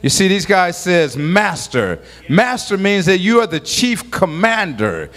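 A man preaching a sermon as a pastor, building to shouted, rhythmic lines full of repetition. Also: high voice, very animated, unhurried. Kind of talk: call-and-response sermon.

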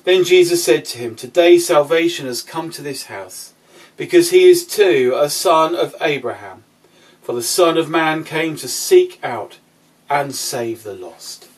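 Male priest, slightly high voice, measured scripture reading and sermon. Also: expressive, rough recording.

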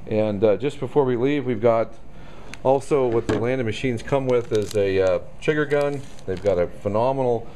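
A man's voice: mid-range voice, normal speed, warm tone, slight background noise. A man giving a casual product walkaround demo of a machine in a store showroom, talking loosely with many ums and uhs. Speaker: equipment salesman.

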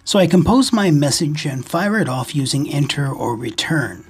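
A male ham radio video host narrates an instructional hobby video in a very husky, breathy voice that sits a little high and sounds animated. He explains each step in a measured, methodical way while music plays behind his voice-over.

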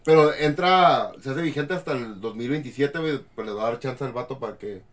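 Fast-talking guy telling a story. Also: medium pitch. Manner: slangy, animated storytelling. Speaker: podcast co-host. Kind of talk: casual chat.

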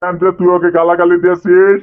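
A man's voice: high voice, completely flat delivery, quick pace, clear, resonant tone, close to an everyday voice. A man playing an exasperated schoolteacher who lectures a parent about a rude boy, in a cartoon. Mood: indignant. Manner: indignant, lecturing. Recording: tinny phone-like audio with music.

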